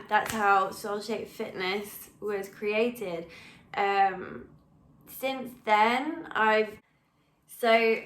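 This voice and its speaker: A woman's voice: mid-range voice, fairly bright tone. Chatty English woman in an echoey room. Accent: English, London. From England. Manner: chatty, rambling, with frequent ums and laughs. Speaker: personal trainer. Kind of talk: casual chat to camera.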